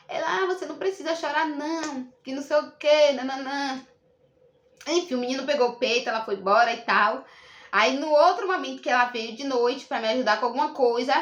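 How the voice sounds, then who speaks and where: Telling a personal story to camera, this young Brazilian vlogger is casual yet indignant, emphatic and prone to repeating herself. Her Brazilian Portuguese accent comes through in a high, fairly bright voice with a roomy sound.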